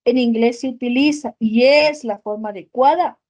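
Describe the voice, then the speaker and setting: High-voiced Ecuadorian woman teaching English. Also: normal speed, a little mellow. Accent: Ecuadorian Spanish. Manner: explains in Spanish with English examples, checks with frequent "ok?". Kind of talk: online class lesson.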